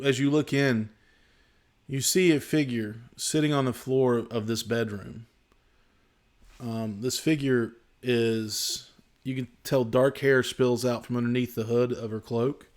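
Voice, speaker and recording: A man narrating as game master of a tabletop role-playing game, descriptive and unhurried, with frequent fillers. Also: mid-range voice, fairly even intonation.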